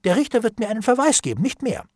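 A man's voice: very animated, fast talker, darkish tone, dry recording, studio quality. Man voicing a whining, terrified bailiff. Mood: pleading. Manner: high, whining and begging, with gasps and whispered prayers. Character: frightened, pleading male bailiff, cowardly and wheedling. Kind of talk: audiobook character reading.

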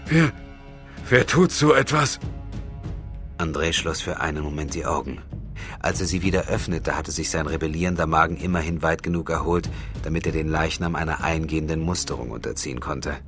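A man reading a fantasy audiobook in a steady, measured way. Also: a bass voice. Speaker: audiobook narrator. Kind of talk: scripted fantasy narration. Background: faint music.

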